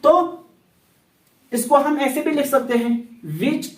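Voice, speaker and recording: A man teaching English grammar in Hindi, slowly repeating example sentences. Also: extremely high pitch, steady tone, darkish tone, far from the mic. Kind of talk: grammar lesson explained in Hindi. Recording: echoey room, set back from the mic.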